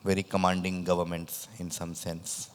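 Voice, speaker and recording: A man's voice: low-pitched, completely flat delivery, normal speed, clean tone. A man with a lisp and whistling s, hosting a live quiz, reading questions and chatting with contestants. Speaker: quiz host. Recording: echoey, long room reverb.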